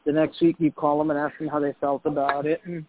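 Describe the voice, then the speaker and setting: A man's voice: a little high, fast talker, a little hiss or hum. Middle-aged man on a tinny line. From Puerto Rico. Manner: relaxed, chatty, many "you know" fillers. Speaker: DJ and former record label marketing director. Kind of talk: conversational interview answers. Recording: phone-like narrow audio.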